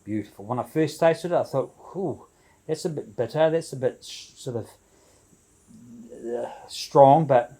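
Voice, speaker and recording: A man's voice: mid-range voice, a little slow, pauses often, warm tone. A man chatting casually and ramblingly to camera as a video blogger, with a jovial, informal, slangy way of talking.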